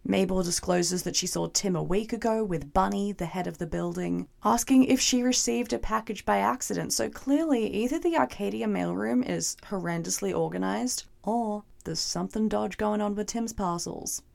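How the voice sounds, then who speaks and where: A young woman with a hoarse, gravelly voice recaps and reviews a TV episode in a chatty, wry, playfully sarcastic way. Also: mid-range voice, moderate pace, few pauses, a little mellow.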